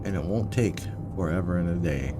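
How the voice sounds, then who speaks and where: A man's voice: sits low, brisk, over music. A man casually explaining his game to chat viewers while livestreaming, with slight hiccups. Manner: relaxed, explains as he plays, talks to viewers. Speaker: livestreaming gamer.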